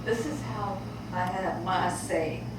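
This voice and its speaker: A woman playing a weary, resigned daughter. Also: fairly low pitch. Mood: resolute. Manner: calm, measured, resigned. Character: weary, resolved adult daughter. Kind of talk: stage play acting. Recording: echoey hall from far off, background noise.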